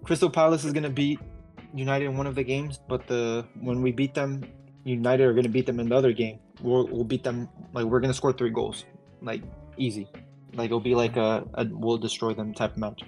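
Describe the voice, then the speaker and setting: A man's voice: mid-range voice, flat delivery, darkish tone, faint music behind. An American man co-hosting a sports podcast, chatting casually with a playful, teasing manner. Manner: playful, teasing, drawn-out predictions. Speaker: podcast co-host. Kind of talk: casual chat.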